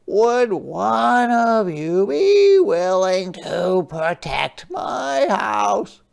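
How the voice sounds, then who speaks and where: A reader voicing a polite, gentle young male hermit crab in a storybook, with a slow, eager, wide-eyed delivery. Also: mid-range voice, big pitch swings, creaky, smooth, pitched above the performer's own voice, heavily acted. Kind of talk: storybook character voice.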